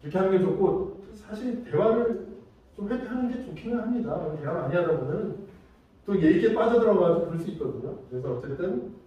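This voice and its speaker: A man giving a safety training lecture, telling lively stories and acting out examples. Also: sits high, a little fast, dull audio. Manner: lively storytelling with acted-out examples. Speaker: safety instructor. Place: large lecture room. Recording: echoey hall, mic far off.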